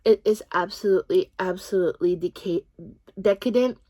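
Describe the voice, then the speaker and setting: Filipino-accented woman, unhurried delivery, dry close sound, chatty fragrance review. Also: medium pitch, dry recording. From Philippines. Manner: chatty, gushing, frequent "like" fillers. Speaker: beauty vlogger.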